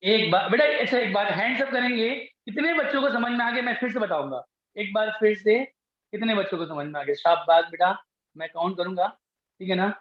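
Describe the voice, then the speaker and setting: The recording, made in a classroom, is echoey and dull. In it, a chemistry teacher with a high male voice lectures at a slightly fast pace, coaxing students along and asking his questions more than once.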